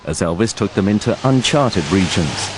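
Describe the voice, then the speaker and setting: A man reading scripted documentary narration with a measured, wry delivery. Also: low voice, expressive, background noise.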